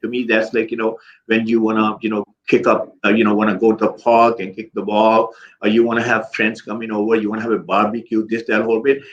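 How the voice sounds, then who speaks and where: A man's voice: lowish voice, little pitch movement, fast talker. A man, an image consultant, giving emphatic advice in conversation, repeating his points and calling the listener "my friend". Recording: dull lo-fi sound.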